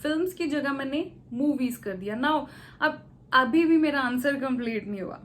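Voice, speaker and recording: A woman from India giving IELTS speaking tips in Hindi mixed with English, often checking in with her students and acting out slow sample answers. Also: high-pitched, animated. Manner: mixes English phrases into Hindi, repeats "theek hai" checks. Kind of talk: casual spoken tutorial.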